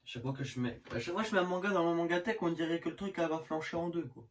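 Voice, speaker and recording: A man's voice: a little high, very fast. A young man from the north of France with a northern French accent, chatting casually about his manga collection, rambling with lots of fillers and slang. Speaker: manga vlogger. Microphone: phone camera. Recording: phone recording with faint hiss.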